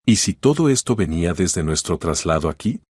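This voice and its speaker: Deep husky guy reading a story, steady pace, dry sound. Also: fairly quick, no room sound. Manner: steady, even storytelling delivery. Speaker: narrator. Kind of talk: scripted first-person story narration.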